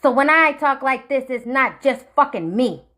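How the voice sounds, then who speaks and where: A young woman from the Marshall Islands, ranting straight to camera in a profane, threatening way that sometimes sinks to a low, menacing murmur. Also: expressive, moderate pace, fairly bright tone. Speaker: vlogger. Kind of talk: angry direct-to-camera rant.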